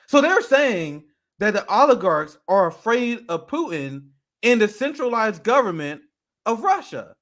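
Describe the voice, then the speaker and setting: Heated high-voiced man ranting. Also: very animated, unhurried, a bit bright. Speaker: co-host. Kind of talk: political commentary podcast.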